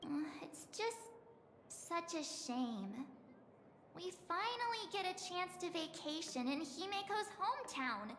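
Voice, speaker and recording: An actress voicing a spirited, caring young woman adventurer in a video game cutscene, with a lively, expressive anime-style delivery. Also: very high-pitched, measured pace, background noise, full character voice. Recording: roomy game audio with music.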